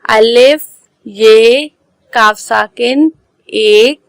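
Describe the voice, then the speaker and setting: A woman school teacher giving an online class, spelling out words slowly letter by letter. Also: on the high side, gravelly, dry recording, low-quality recording. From Pakistan. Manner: slow, careful letter-by-letter dictation.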